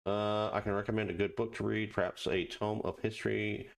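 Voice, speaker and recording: A man's voice: lowish voice, flat delivery, brisk, gravelly. A man voicing a bookish video game townsperson who gives earnest, formal advice. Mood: earnest advising. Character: bookish townsperson, earnest and preachy about reading.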